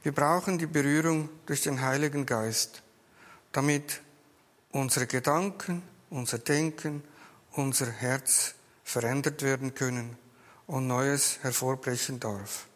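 Slow-speaking man leading prayer in a hall. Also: medium pitch, fairly even intonation, a bit bright. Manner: measured, unhurried, earnest. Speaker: pastor or service leader. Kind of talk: prayer and service moderation.

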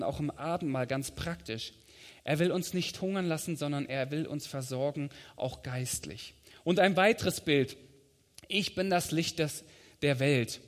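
A man delivers a sermon in a calm, measured way, leaning on the scripture lines he quotes. His voice sits a little high for a man. The sound rings out with a long hall reverb, as in a church. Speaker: preacher.

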